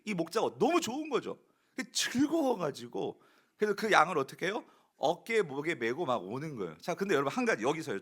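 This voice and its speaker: A man's voice: on the high side, a bit bright. A male pastor giving a conversational sermon, telling a story and often asking the congregation questions.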